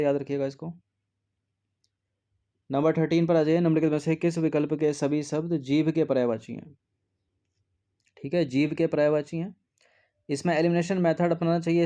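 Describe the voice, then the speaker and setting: Mellow-voiced man explaining test answers. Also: on the high side. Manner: patient, repeats "theek hai" often. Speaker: exam prep teacher.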